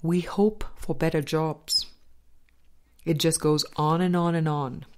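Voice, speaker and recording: Narrating a spiritual audiobook, a woman with a slightly low voice keeps a steady tone, moving slowly and pausing evenly between carefully set-out phrases. A little hiss or hum sits in the recording.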